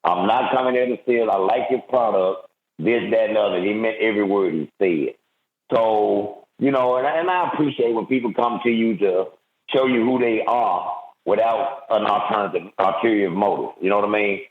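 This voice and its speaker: A man who owns a restaurant, talking warmly and sincerely as a guest over the phone. His voice is slightly low, and the line is tinny and roomy with echo. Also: moderate pace. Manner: heartfelt, sincere. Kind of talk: casual podcast interview by phone.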